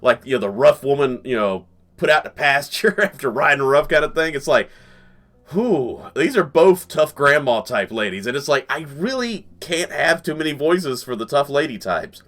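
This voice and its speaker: Male let's-play host, casual, rambling, lively intonation. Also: on the high side, moderate pace. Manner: rambling, joking, chuckles often. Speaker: gaming channel host.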